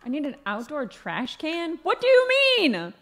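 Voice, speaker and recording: A young woman commenting casually on a life-simulation game she is playing, expressive and quick to shriek and laugh. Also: high-pitched. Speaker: gaming video host.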